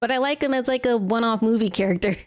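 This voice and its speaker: A woman giving casual reaction commentary in a halting way, often repeating and restarting her phrases. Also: fairly high pitch. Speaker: reactor streamer.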